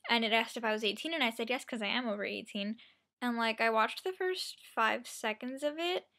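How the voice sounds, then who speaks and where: A woman's voice: a little high, fairly bright tone. A young adult woman telling a personal story in a casual, rambling, self-deprecating vlog style, often quoting herself and others. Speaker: vlogger.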